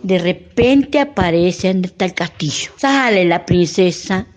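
A woman's voice: lowish voice, lively intonation, unhurried. A woman narrating an improvised fairy tale on community radio. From Argentina. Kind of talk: improvised storytelling. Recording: lo-fi radio recording with loud noise.

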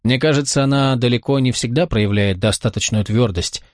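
In a storybook reading, a male narrator voices a warm, kind mother in her thirties, chatty and gently worried, pitched a touch above his own voice. His delivery is brisk and close to an everyday voice, in a dry, close recording.

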